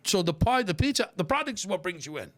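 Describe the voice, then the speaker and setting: This is a middle-aged man with a strong Brooklyn accent and a voice pitched a little higher than most men's. He talks casually, as a podcast guest would. His delivery is brash and emphatic, sprinkled with swearing. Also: very animated, quick pace, fairly bright tone. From Brooklyn, New York. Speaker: podcast guest, pizzeria owner.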